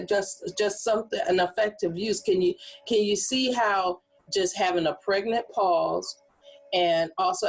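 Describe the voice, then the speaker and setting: A woman's voice: lowish voice, husky, low-quality recording. A woman coaching presenters in a training workshop, talking casually and acting out hype voices and whispers to demonstrate delivery. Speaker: speaking coach.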